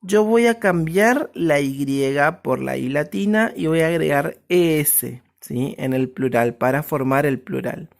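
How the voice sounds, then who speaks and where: Slow, low-voiced woman teacher. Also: gravelly. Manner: explains step by step, often checks with "¿sí?". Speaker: English teacher. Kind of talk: recorded online class.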